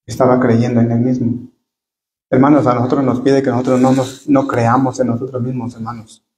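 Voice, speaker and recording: A man with a mid-range, darkish voice leads a church Bible study sermon, earnestly calling his listeners brothers. He often repeats words while searching for the right phrasing.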